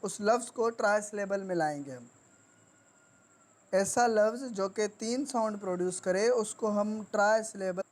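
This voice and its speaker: A woman teaching grammar. She speaks deliberately and repeats each word for dictation. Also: medium pitch, a little mellow. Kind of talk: classroom lesson.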